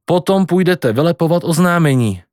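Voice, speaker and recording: A man's voice: lively intonation, darkish tone, no room sound, studio quality, natural voice. A man voicing a worried elderly grandmother who scolds and comforts. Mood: soothing. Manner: shrill scolding.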